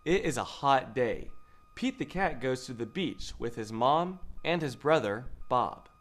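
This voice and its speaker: In an indoor studio, a young adult man reads a picture book aloud for children. His delivery is unhurried and his pitch animated, and he gives quoted lines a lift in his measured, expressive telling.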